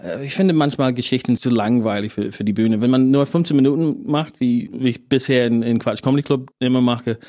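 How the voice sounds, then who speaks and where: A man's voice: medium pitch, brisk, hardly any pauses, dark tone. A man from northern England, a native English speaker, talking as a comedian guest in an interview with an English accent, often restarting his phrases and chuckling at his own jokes. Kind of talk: casual interview chat.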